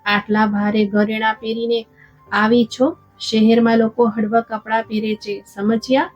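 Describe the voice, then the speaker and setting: A woman voicing a sharp-tongued, wealthy city mother-in-law who scolds and talks down, in a storybook reading with a dull lo-fi sound and faint music. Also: a little high, level tone, moderate pace, natural voice. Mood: scornful. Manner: scolding, condescending.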